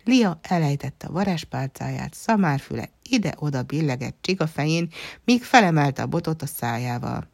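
Low-voiced woman narrating a children's tale, calm and even, dry close sound. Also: gravelly, dry recording. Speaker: storyteller. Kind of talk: reading a children's story aloud.

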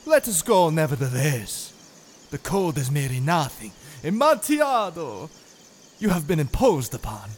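An actor playing a drunken, boastful middle-aged wine connoisseur who talks eagerly and repeats himself. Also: male voice, a little high, sing-song, normal speed, slight background noise. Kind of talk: audio drama acting.

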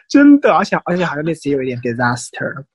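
A man's voice: mid-range voice, quick pace, breathy edge, no room sound. A man co-hosting a podcast, telling gossipy stories in casual chat, mixing in English phrases. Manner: animated, gossipy storytelling mixing Chinese and English. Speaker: podcast co-host.

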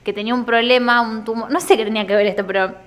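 A woman's voice: on the high side, steady tone, rapid-fire, fairly bright tone. A young woman from Argentina with a Rioplatense accent, co-hosting a podcast in casual chat, telling stories with mock outrage and freely swearing. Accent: Rioplatense Spanish. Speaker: podcast co-host.

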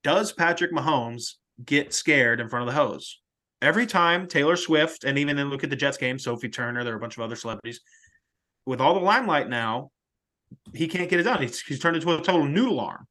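A man's voice: fairly high pitch, expressive, brisk, bright, forceful tone. Joking young man co-hosting a podcast. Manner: joking, rambling, trailing off into fillers. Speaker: podcast co-host. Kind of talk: casual sports chat.

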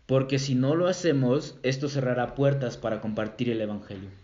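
A man's voice: mid-range voice, fairly quick, dark tone. A man preaching a sermon as a pastor, emphatic, repeating key phrases and checking with the congregation. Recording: roomy, dull lo-fi sound.

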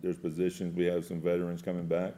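A man's voice: sits low, completely flat delivery, quick pace, dark tone. A man answering interview questions as a football coach.

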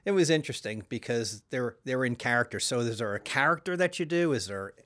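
Man, upbeat show host, quick to laugh, eager questions. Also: medium pitch, lively intonation, fairly bright tone. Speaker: interview host. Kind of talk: casual interview.

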